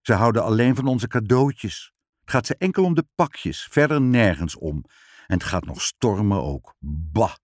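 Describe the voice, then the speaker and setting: A man's voice: expressive, measured pace, darkish tone, dry recording, studio quality. A man voicing a grumbling, fearful male helper who sulks and then cries out in panic. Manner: sulky grumbling, turning to high panicked cries.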